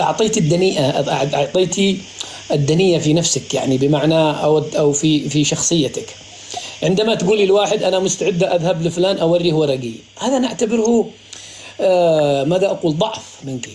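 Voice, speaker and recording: A man from Morocco hosting a live stream, speaking in a measured, advising and reassuring way. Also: a little high, darkish tone, a little hiss or hum. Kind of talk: casual live-stream chat.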